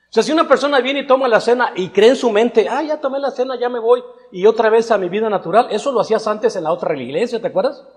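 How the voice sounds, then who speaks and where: A man's voice: high voice, animated, fast talker, hardly any pauses, a little mellow. A man preaching a sermon to his congregation, talking conversationally and building to emphatic rhetorical questions. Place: church hall. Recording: long reverb of a church hall.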